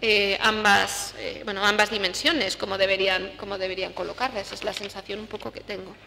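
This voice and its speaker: A quick-talking woman with a bright, fairly high voice answers on a university round table. She restarts phrases as she works out her point. The sound rings in a long hall reverb with a faint hiss behind. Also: little pitch movement, vocal fry. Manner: rapid, hesitant restarts. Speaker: panelist, law professor. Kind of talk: round-table academic talk.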